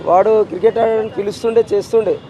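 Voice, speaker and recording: A man's voice: high voice, fairly even intonation, fast talker, dark tone, lo-fi sound, slight background noise. A grieving father with a Telangana accent speaking in a street interview, insistent and repetitive as he pleads for justice. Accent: Telangana Telugu. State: distraught with grief.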